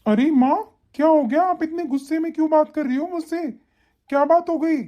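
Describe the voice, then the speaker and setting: A man voicing a young married son who turns stern and scolds his wife in an animated story. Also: extremely high pitch, fairly quick. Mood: puzzled.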